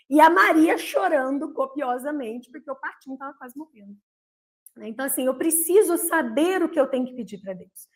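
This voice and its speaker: A middle-aged Brazilian woman talking about faith and her children's temperaments, telling animated family stories and acting out her kids' voices. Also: high-pitched. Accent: Brazilian Portuguese. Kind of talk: casual spoken talk, livestream.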